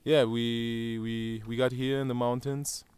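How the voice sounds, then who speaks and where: On an outdoor terrace overlooking a valley, a German man in his thirties gives an interview in a German accent, faltering with lots of fillers and restarts. His medium-pitched voice is smooth and a little mellow, level in tone and a little slow.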